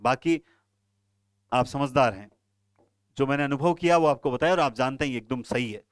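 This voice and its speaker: A man's voice: medium pitch, moderate pace, smooth, no room sound. A man, teaching an online exam-prep lesson and talking earnestly and directly to his students. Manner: earnest, advising students directly, with frequent fillers.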